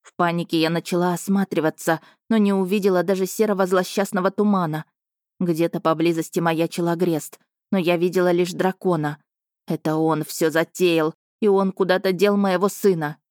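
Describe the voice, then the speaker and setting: A woman reads a first-person fantasy audiobook in a slightly low voice. The recording is close-miked and dry, with no room sound behind her. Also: steady tone, moderate pace, a little mellow, dry recording. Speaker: audiobook narrator.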